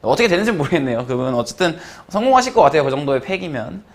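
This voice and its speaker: A man teaching math in a relaxed, rambling lecture, full of fillers and small chuckles. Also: fairly high pitch, racing. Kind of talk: casual lecture.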